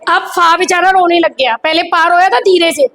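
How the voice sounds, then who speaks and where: A woman's voice: extremely high pitch, moderate pace, a bit bright. A woman teacher giving a classroom lesson, constantly quizzing her pupils in call-and-response. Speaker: primary school teacher. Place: school classroom.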